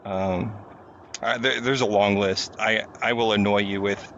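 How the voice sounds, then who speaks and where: A man's voice: on the low side, fairly even intonation, a bit bright, slight background noise. A man chatting casually who rambles with many ums. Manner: rambling, fills pauses with um and uh. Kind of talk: casual chat. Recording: dull, slightly lo-fi mic.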